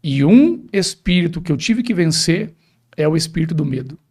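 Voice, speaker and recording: A man's voice: on the high side, expressive, normal speed, a little mellow, slightly rough. A man, a pastor telling a personal testimony in a podcast interview, emphatic and often addressing the host directly.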